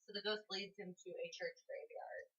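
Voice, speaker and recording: A woman co-hosts a casual podcast, retelling the story with asides in a bright voice. She sits a little back from the mic, and the audio sounds dull and lo-fi. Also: mid-range voice, steady tone, moderate pace, distant mic. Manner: chatty, retells the plot with asides. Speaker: podcast co-host. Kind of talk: casual book discussion.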